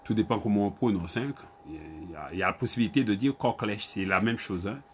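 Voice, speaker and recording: A man with a Guadeloupean Creole accent teaching an online Creole lesson. He repeats each word slowly, spells it out letter by letter and calls on his students by name. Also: on the low side, slight background noise.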